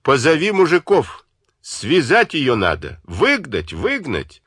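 A man's voice: mid-range voice, big pitch swings, a little slow, fairly bright tone, husky, no echo, studio quality, pitched above the performer's own voice, full character voice. A man reading an audiobook and voicing a blustering, indignant older uncle who sputters with rage. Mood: outraged. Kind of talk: audiobook character voice.

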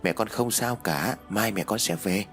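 A man voicing a gentle worried young husband. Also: on the low side, moderate pace, soft background music, lightly acted. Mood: soothing. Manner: soft and soothing. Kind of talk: audiobook character voice.

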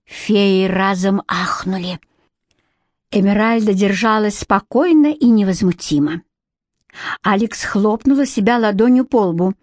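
A woman narrating a children's fantasy audiobook in an even, measured way. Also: medium pitch, dry recording. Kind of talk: storybook narration.

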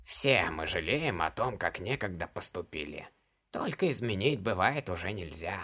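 A man voicing a stern, imperious old female shaman in a low, hoarse voice, speaking slowly and curtly in an audiobook. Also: big pitch swings, bright, forceful tone, heavily acted. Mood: grim. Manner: slow, curt, menacing.

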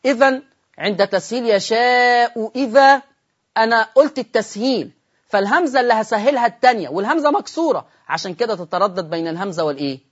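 An Egyptian man teaches Quran recitation in a broadcast lesson, asking rhetorical questions of his students. He slows right down to model each word. The audio sounds dull and slightly lo-fi. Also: very high voice, expressive. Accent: Egyptian Arabic. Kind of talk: televised religious lesson.

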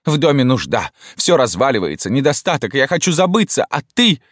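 A man's voice: medium pitch, very animated, normal speed, no room sound, studio quality, voice pushed up, natural voice. A man reading an audiobook voices a dignified middle-aged mother who answers curtly and coolly. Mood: indignant. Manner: curt, cool.

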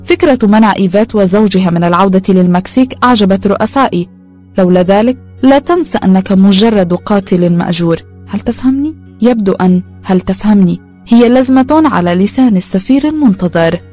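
A woman narrating a story in a calm, steady reading voice. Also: medium pitch, fast talker, faint music behind.

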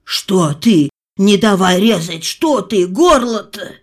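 A woman's voice: mid-range voice, animated, slow pace. A woman voicing a stubborn old peasant grandmother who whines and protests. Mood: whining protest. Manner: whining, insistent protest.

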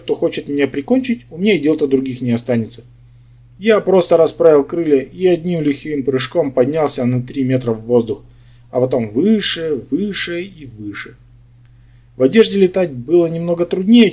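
A man's voice: on the high side, dark tone, husky. A man narrating a humorous fantasy audiobook in the first person with a wry, sardonic delivery, in a dull lo-fi recording.

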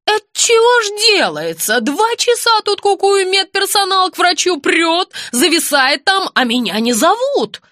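A stubborn old woman shouts and scolds in rough folksy speech, as a female audiobook reader puts her on. Her voice sits high and swings wildly up and down. The read is dry and close. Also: sing-song, brisk, dry recording. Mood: indignant. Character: pushy loud old woman patient, stubborn.

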